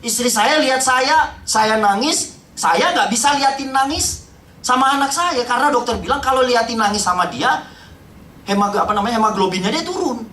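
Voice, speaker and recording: A middle-aged man giving an emotional church testimony, speaking straight to the congregation and sometimes dropping to a hush. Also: extremely high pitch, lively intonation, normal speed. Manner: impassioned, addresses the congregation directly, drops to hushed tones. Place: church hall. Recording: roomy hall, voice from far off.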